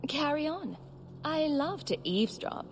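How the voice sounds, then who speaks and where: A woman's voice: on the low side, lively intonation, fairly quick, noisy background, lightly acted. An actress playing a confident female adventurer in a game, with a dry, teasing manner. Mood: wry. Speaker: game character.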